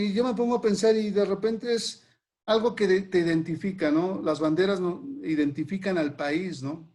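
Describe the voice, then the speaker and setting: A man preaching a sermon, slowly explaining names of God and then leading a prayer. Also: on the high side, a little mellow. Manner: slow and deliberate, lingering over names.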